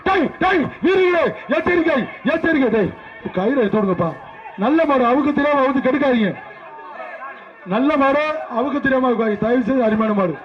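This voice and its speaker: Male event announcer, very high voice, excited calls over a PA loudspeaker, muffled sound. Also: a little fast, some chatter behind. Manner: excited calling out, warnings and jokes. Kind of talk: live bull-taming commentary.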